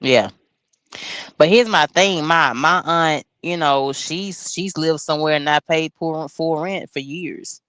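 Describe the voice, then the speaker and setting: A man's voice: a little high, slow, fairly bright tone, clean tone, no echo. A man in his forties talking earnestly on a livestream, often asking listeners if they understand. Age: 40s. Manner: earnest, preachy, keeps asking if you understand. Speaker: livestream host. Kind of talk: casual livestream talk.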